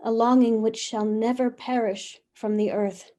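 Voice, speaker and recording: A woman's voice: a little high, fairly even intonation, measured pace, mellow, lightly acted. An actress playing Eve as a passionate young wife, speaking earnestly and lingering over her words over a video call. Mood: solemn. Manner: earnest, lingering, heartfelt delivery. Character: first woman, passionate devoted young wife. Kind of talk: theatrical reading of a one-act play.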